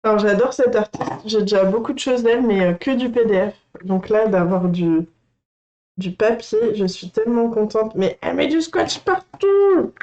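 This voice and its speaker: Gushing woman unboxing, mellow voice. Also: mid-range voice, normal speed, muffled recording. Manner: gushing and excitable, chats to viewers. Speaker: coloring channel streamer. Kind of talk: casual livestream unboxing chat.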